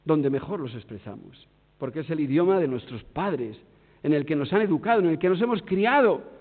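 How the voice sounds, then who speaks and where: A man with an accent from Spain preaches a sermon, his voice high and full of rises and falls. He pushes some words hard and drops others to a near hush. The sound is thin like a phone line, with long reverb from a large hall. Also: moderate pace. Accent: Spain Spanish. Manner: expressive, swings between loud emphasis and hushed tones.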